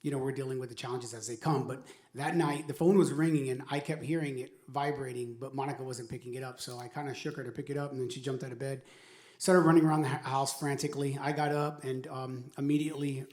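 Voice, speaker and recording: Middle-aged father, mid-pitched and earnest, telling a testimony in an echoey room. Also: fairly even intonation, fast talker, a little mellow. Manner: earnest, reflective storytelling. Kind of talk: personal faith testimony. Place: university venue.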